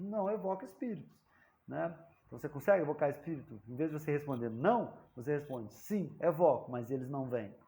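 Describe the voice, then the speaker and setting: A man's voice: on the high side, darkish tone. A man giving an informal lecture, talking conversationally, dropping frequent tag questions and acting out the dialogues of jokes. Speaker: psychoanalysis lecturer.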